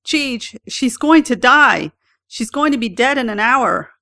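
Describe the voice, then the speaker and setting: A man's voice: extremely high pitch, expressive, measured pace, gravelly, sharp tone, no echo, studio quality, pitched above the performer's own voice, full character voice. A woman voicing a frantic middle-aged husband pleading for help, his voice cracking. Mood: desperate.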